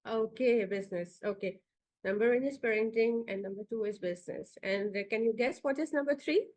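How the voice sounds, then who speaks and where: A woman in her forties, the founder of an institute, gives an online orientation talk over a video call in a Pakistani accent. Her voice is on the high side and slightly dark, and she speaks a little fast. She is hesitant, using many fillers, and directs the slide changes.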